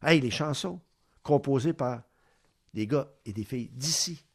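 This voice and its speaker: Man, Quebec French accent, radio host, gravelly voice, rambling monologue, rhetorical questions. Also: mid-range voice, measured pace. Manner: rambling, asks rhetorical questions, acts out little exchanges. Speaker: radio sports show host. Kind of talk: opinion monologue.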